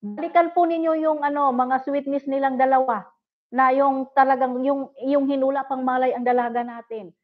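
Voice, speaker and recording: A woman's voice: high-pitched, steady tone, normal speed. A middle-aged woman hosting a livestream, chatting casually and politely with viewers and giggling often. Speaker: livestream host. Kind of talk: casual live chat reading viewer comments. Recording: dull lo-fi livestream audio.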